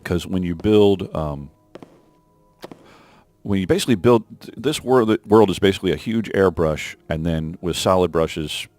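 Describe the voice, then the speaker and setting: A man's voice: sits low, a little slow, a little mellow, soft background music. A man giving rambling developer commentary over gameplay of a mission he designed, with many fillers and restarts. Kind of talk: let's play developer commentary.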